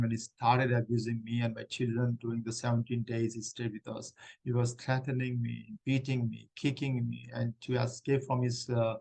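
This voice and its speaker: A man playing a middle-aged woman refugee claimant in a mock hearing role-play, answering haltingly with many restarts. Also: medium pitch, gravelly, a little mellow, close to an everyday voice, low-quality recording.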